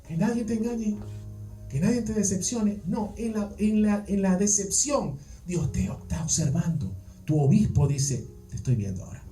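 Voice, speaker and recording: A man's voice: on the high side, mellow. A man preaching a sermon in a conversational way, asking his listeners rhetorical questions. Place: church. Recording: echoey church, distant mic, faint music.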